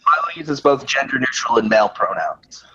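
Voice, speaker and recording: Halting teenage guy on a dull mic. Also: mid-range voice, animated, pushed and bright, breathy edge. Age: teens. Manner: hesitant, halting, swears casually. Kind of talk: casual group chat. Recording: dull lo-fi mic with faint noise.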